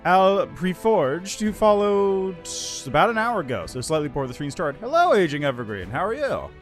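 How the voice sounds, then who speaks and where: Lively man streaming on a headset mic. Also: sits high, normal speed, faint music behind. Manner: chatty, greets viewers and reads chat aloud. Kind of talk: casual livestream chat while gaming. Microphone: headset mic on a livestream.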